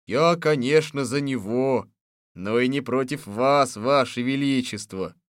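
A man voicing an eager, servile male palace servant who answers in loud, dutiful replies. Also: mid-range voice, unhurried, no echo, studio quality, pitched above the performer's own voice, natural voice.

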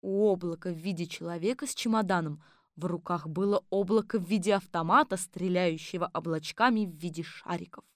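Female audiobook narrator, dry studio, steady storytelling. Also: fairly low pitch, a little fast, no echo.

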